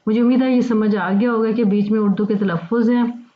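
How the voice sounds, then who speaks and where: A woman with a Pakistani Urdu accent, teaching Quran pronunciation to women, with patient explanations and slow recitation of verses. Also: fairly high pitch, steady tone, lo-fi sound.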